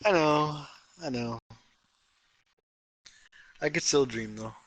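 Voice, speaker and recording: A man cohosting a late-night chat with friends, excitable, playful and giggly. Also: a little high, takes it slowly, slight background noise, low-quality recording. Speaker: podcast co-host.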